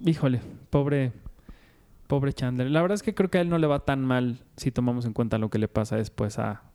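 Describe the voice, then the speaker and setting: A man, co-hosting a casual chat and retelling scenes in an animated, playful way. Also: medium pitch, brisk, clean tone. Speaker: podcast co-host. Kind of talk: casual chat recapping a sitcom episode.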